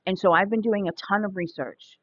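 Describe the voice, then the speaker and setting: A woman's voice: medium pitch, brisk, dull audio. A woman in her forties talking candidly in a casual personal vlog, chatty and prone to restarting her sentences. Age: 40s. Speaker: vlogger.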